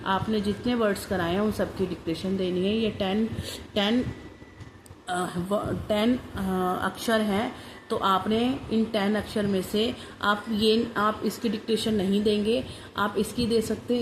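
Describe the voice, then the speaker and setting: A woman primary teacher giving an instructional lesson to parents and children, drilling letters one by one in a slow, deliberate way. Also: medium pitch, fairly even intonation. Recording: noisy background hiss.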